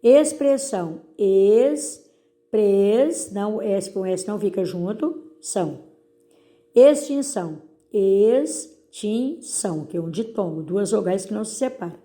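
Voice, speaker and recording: A middle-aged woman, a teacher going over exercises in a recorded lesson and stressing each word slowly for her pupils. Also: mid-range voice, animated, dark tone.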